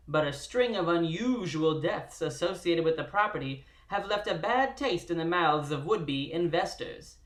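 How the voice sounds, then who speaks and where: Host doing a 1920s radio announcer: theatrical, punchy, middle pitch, roomy echo. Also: fairly bright tone, natural voice. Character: old-timey 1920s radio announcer narrator.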